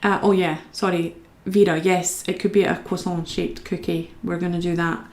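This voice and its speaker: A woman's voice: fairly low pitch, flat delivery, normal speed, darkish tone, roomy sound. A young Scottish woman chatting with viewers as she colours during a live stream. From Scotland. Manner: chatty, talks to viewers while working. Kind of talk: casual chat while colouring.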